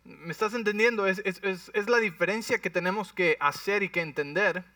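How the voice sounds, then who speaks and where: A man preaching a sermon as a pastor, animated and often checking in with his listeners. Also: high voice, moderate pace, no echo, recorded from a distance.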